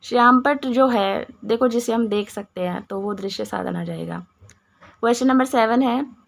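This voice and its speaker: Hoarse woman teacher, bit of a cough, gravelly and a little high, goes through exam answers with lots of restarts. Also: normal speed. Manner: explains each answer with many restarts, mixes English words. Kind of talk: Hindi exam-prep lesson.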